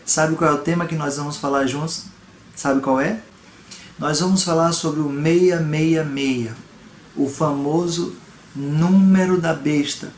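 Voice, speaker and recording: A man's voice: on the high side, steady tone, a little slow. A man from Salvador, Brazil, preaching a home video sermon with earnest emphasis and rhetorical questions. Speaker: pastor. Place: home room. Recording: echoey room, faint background noise.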